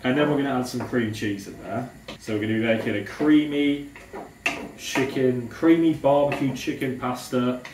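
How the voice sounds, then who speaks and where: A man gives a casual, chatty cooking tutorial, saying w in place of r. His voice sits at an average male pitch. It is picked up from a distance in a roomy kitchen, with faint noise behind it. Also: normal speed. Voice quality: speech impediment, says w for r. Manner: chatty, informal, addresses viewers directly. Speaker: home cook presenting a recipe video. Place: indoors in a kitchen.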